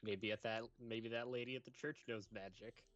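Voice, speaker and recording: A man's voice: on the low side, fairly even intonation, moderate pace, a bit bright, muffled recording, soft background music. A man playing a tabletop game, trading dry, teasing remarks. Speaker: player. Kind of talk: tabletop role-play banter.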